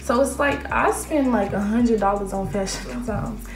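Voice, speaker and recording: A woman's voice: a little high, moderate pace, reverberant, soft background music. Chatty nineteen-year-old woman vlogging. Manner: chatty, self-assured, with many fillers. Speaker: aspiring model vlogger. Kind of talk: casual Q&A vlog to camera. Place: small room indoors.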